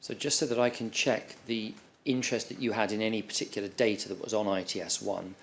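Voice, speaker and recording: A man serving as counsel at a public inquiry, questioning a witness in a measured, polite, deliberate way. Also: on the low side, steady tone, slight background noise. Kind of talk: formal questioning.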